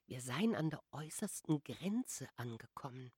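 A woman's voice: extremely low pitch, expressive, moderate pace, breathy edge, no echo, studio quality, exaggerated voice. Woman doing a worried, sighing lady. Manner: sighing, hushed. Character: worried seasick mother, a gentry lady.

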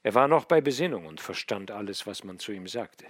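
A man narrating a classic novel in a measured, even storytelling voice. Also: fairly low pitch, no room sound, clean studio sound. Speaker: audiobook narrator. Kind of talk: scripted literary narration.

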